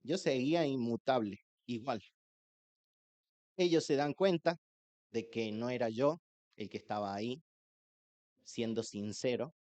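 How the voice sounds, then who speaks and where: A man's voice: mid-range voice, measured pace, long pauses, a little mellow, lo-fi sound. Earnest Rioplatense pastor telling his testimony. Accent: Rioplatense Spanish. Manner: earnest, emotional storytelling. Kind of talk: personal testimony in church.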